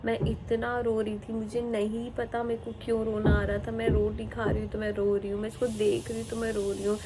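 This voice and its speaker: A woman's voice: a little high, flat delivery, a little fast, over loud music, poor audio. A young woman, a new mother, talking candidly and emotionally to camera in a casual vlog. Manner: emotional, candid, mixes English into her talk.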